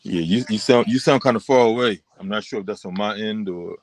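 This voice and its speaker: A man's voice: lowish voice, brisk, no room sound. A man talking as a guest on a livestream, heard over a glitchy online call, laid-back and casual. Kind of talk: casual chat.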